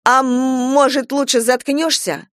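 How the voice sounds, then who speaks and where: A woman reading aloud voices a touchy young woman who shouts in anger. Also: mid-range voice, slow pace, dry recording, clean studio sound, lightly acted. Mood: furious.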